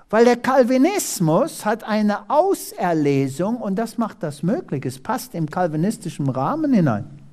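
Animated preacher from South Africa. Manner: dramatic, rhetorical questions, sweeping pitch swings. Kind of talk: animated sermon with Bible reading.

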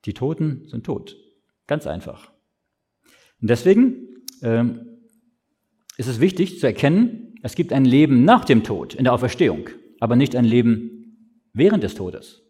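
A man preaching a sermon, asking questions and answering them himself in a slow, explaining way. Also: medium pitch, very animated, darkish tone, breathy edge.

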